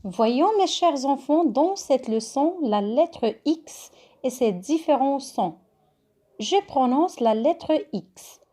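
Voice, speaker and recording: A woman's voice: high-pitched, warm tone. A woman teaching a phonics reading lesson to young children, spelling letters and syllables out carefully, with a Moroccan French accent. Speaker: kindergarten teacher.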